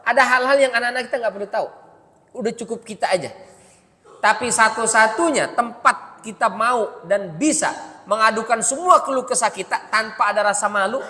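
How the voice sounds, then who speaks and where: A man's voice: sits high, a little fast, pushed and bright. Man preaching in a reverberant mosque. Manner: casual, humorous storytelling with rhetorical questions. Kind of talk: mosque sermon. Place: mosque hall. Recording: long reverb of a mosque hall.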